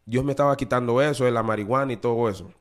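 A man's voice: medium pitch, racing. A man giving an earnest, confessional podcast testimony, often repeating his phrases. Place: New Orleans.

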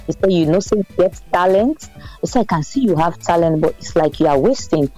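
Woman, low voice, relaxed storyteller, faint music behind. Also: fairly quick, rough recording. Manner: relaxed, storytelling, mixes Pidgin into English. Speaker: singer and interview guest. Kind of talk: casual interview chat.

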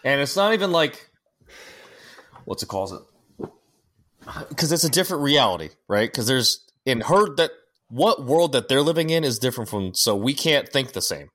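Brief: male podcast co-host, mid-pitch, loose rambling delivery, filler-heavy, casual cursing. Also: big pitch swings, moderate pace, long pauses, fairly bright tone. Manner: rambling, many fillers and restarts, swears casually; firearms-nerd critiques. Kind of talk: casual chat.

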